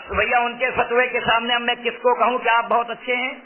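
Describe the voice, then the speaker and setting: A high-pitched male preacher explains a fatwa to listeners in a completely flat delivery, going fairly quickly. Emphatic, he keeps repeating key phrases. The audio is tinny and phone-like, picked up by a loudspeaker microphone close to his mouth.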